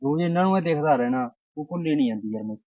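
Guy playing lovesick village lad, quick pleading talk, sounds thru a phone, dry. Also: a little high, animated, creaky, dry recording, narrow, tinny audio. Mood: grieving. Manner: mournful and pleading, dropping his voice. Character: young village man lovesick for a girl.

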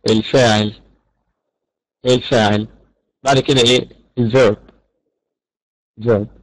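A man's voice: mid-range voice, no room sound, low-quality recording. A man with an Egyptian Arabic accent giving an online English lecture, repeating example questions aloud in English. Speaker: English teacher.

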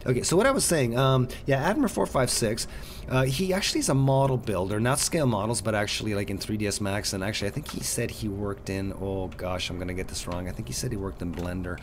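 A gaming video host with a fairly low, animated voice talks fast, giving chatty, rambling play-through commentary full of jumpy exclamations. The voice-over is noisy, with video game sounds behind it.

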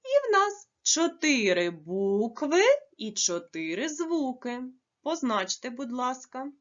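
A woman teaching a lesson to young children, dictating slowly and carefully with drawn-out words. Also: high-pitched, very animated, a bit bright, highs cut off. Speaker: primary school teacher.

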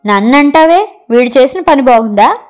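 A woman's voice: a little high, moderate pace, soft background music, natural voice. A woman voicing an angry, traditional older sister who scolds with heated, scornful questions in a storybook reading. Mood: indignant. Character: angry orthodox older sister, sharp-tongued.

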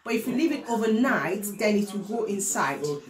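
A woman's voice: mid-range voice, lively intonation, brisk, over a noisy crowd. A middle-aged woman from Nigeria talking through a home cooking demonstration step by step, checking that her listeners follow along. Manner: chatty, explains step by step, often checks in with "do you understand?". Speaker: home cook vlogger. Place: home kitchen, indoors. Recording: echoey kitchen with children chattering.

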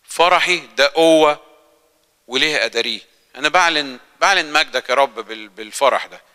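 Bright, crisp-voiced Egyptian man preaching. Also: on the high side, fairly quick. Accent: Egyptian Arabic. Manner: earnest, conversational preaching with rhetorical questions. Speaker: lay preacher. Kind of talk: sermon. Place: church hall. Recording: church hall reverb.

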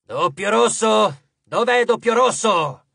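A sour, put-upon Titan doorman, as a male narrator voices him, curt and grumbling, loud and raised, breaking into long called-out shouts. The audiobook read has close, dry sound. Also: high-pitched, expressive, moderate pace, slightly rough, no room sound, heavily acted. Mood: shouting.

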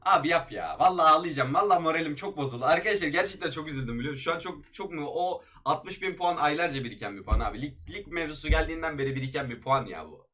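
Young guy yelling through game pack openings, fast and bright, all hype then groans. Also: on the high side. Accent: Turkish.

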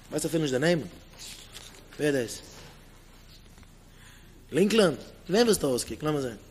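A man's voice: a little high, a little hiss or hum. A man preaching with pointed questions. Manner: repeats pointed rhetorical questions, mixes in English words. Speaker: rabbi giving a Torah talk.

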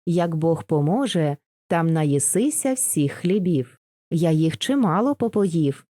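An old Cossack father speaking in a homely, instructive way, read by a woman. The voice sits low and mellow, close and dry, with no room around it. It sounds like a storybook audiobook. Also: expressive, slow, no echo. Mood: advising. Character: old male Cossack father, wise and steady.

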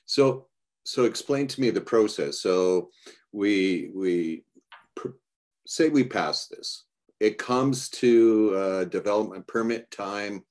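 An older man, a city councillor, asking deliberate probing questions on a video call. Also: lowish voice, a little mellow. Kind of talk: formal meeting questions.

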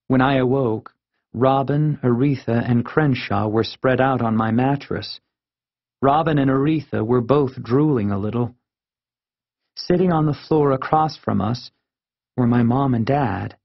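Slow, gravelly man reading a children's book. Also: mid-range voice, no echo. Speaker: audiobook narrator. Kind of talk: scripted narration. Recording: dull lo-fi audiobook recording.

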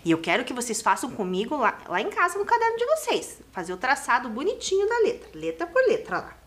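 Woman teacher, high voice, very lively pitch, slow patient delivery, children's TV lesson. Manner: slow, sing-song, questioning children at home. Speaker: primary school teacher. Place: TV studio classroom.

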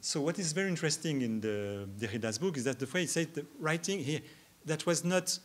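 Answering questions as the keynote speaker, a man with a fairly high voice stumbles through his reply in a lecture hall. He restarts and stammers repeatedly as he talks through the academic answer.

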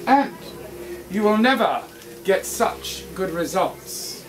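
A performer playing a theatrical wizard wandmaker who addresses a live audience with dramatic pauses, recorded from a distance. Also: medium pitch, expressive. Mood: mysterious. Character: theatrical wizard wandmaker shopkeeper, grand and mysterious. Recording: distant live recording with loud room noise.

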